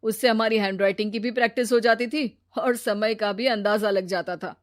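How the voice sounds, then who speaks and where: A woman voicing a sensible grown man, a brother-in-law who talks patiently and gently lectures. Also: medium pitch, steady tone, a little fast, natural voice. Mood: gently lecturing.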